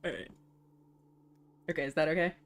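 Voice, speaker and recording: Low-voiced woman streaming games. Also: steady tone, moderate pace. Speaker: game streamer. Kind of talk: casual stream chat.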